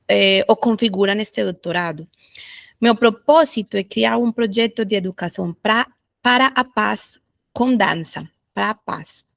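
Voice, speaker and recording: A Colombian woman, Spanish her first language, asks questions in careful, halting Portuguese. Her voice has a creaky edge and sounds dry and close. She stops often to fix her words. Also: a little high, dry recording. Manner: halting, self-correcting in a second language. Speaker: exchange student asking questions.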